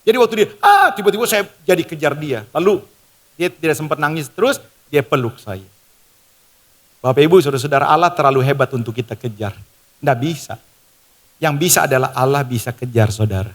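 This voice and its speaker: A man's voice: a little high, a little fast. A man preaching a sermon as pastor, emphatic and fervent, addressing the congregation directly. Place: large church hall. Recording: long church hall reverb with music. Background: worship music.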